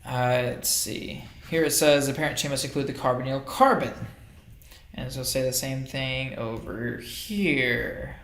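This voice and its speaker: A man giving a casual recorded chemistry lecture over slides, relaxed and thinking aloud with fillers and small self-corrections. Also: medium pitch, creaky. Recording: roomy echo.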